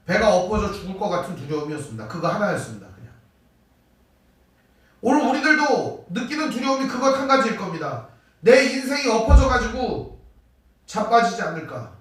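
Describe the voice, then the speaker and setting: The recording catches a male pastor from off-mic in a very echoey church hall, the microphone well away from him. During his Wednesday sermon in the sanctuary, he asks rhetorical questions and acts out quoted lines with big shifts in pitch and volume.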